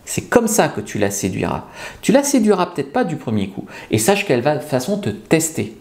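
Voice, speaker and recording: A man's voice: fairly high pitch, huge pitch swings, fairly quick, gravelly, darkish tone. A man coaching viewers on how to talk to women, speaking bluntly and emphatically straight to the viewer and sometimes acting out pickup lines. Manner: acts out nervous and confident pickup lines. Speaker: seduction coach. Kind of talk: direct-to-camera advice video.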